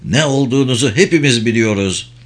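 A man voicing a male officer who speaks low, quiet and controlled. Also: fairly quick, lightly acted. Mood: steady.

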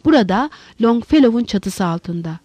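A woman voicing a hot-tempered middle-aged male professor who talks loudly and indignantly. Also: fairly high pitch, lively intonation, normal speed, no room sound, muffled recording. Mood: insistent. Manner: loud, indignant.

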